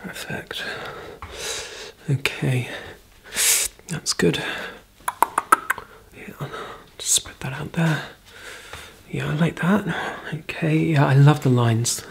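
A woman in her thirties performing a fast ASMR role-play as a brisk, chatty makeup artist, murmuring softly close to the microphone. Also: low-pitched, slight background noise. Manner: fast, breathy ASMR soft-spoken and soft murmuring.

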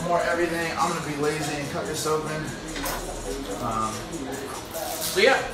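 This young man is a home chef hosting a cooking video in his apartment kitchen, relaxed and rambling with jokey remarks as he cooks. His voice is high, and the phone propped on the counter a few steps away captures a roomy, far-off echo.

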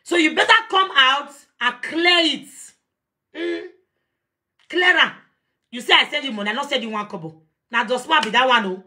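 High bright Nigerian woman ranting. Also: moderate pace, pauses often. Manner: animated, confrontational, mixes Pidgin English. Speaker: talk show host. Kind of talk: live video call rant.

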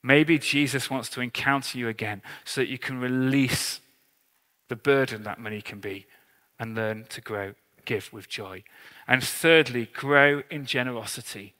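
An English pastor and church leader, in his 30s to early 40s and around forty, delivers an informal sermon that is conversational, earnest, and self-deprecating. His medium-pitched voice is bright and forceful, unhurried in pace. A long hall reverb hangs on his preaching.

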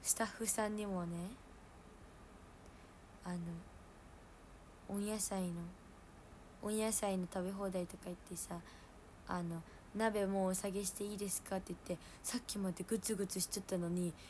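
A woman's voice: medium pitch, steady tone, normal speed, pauses often, slight background noise. Chatty young woman with Hiroshima dialect. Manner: chatty, laughs at herself, loud when acting out quotes. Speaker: idol livestream host. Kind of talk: casual livestream chat.

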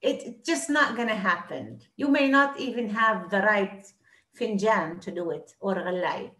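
A woman teaching a class, explaining patiently and repeating words slowly. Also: mid-range voice, lively intonation, a bit bright, reverberant. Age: 30s. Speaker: Arabic teacher.

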